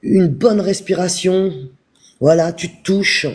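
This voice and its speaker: A man giving a calm, repetitive spiritual talk on a live stream, speaking straight to his viewers. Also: sits high, takes it slowly, slightly rough. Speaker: spiritual teacher.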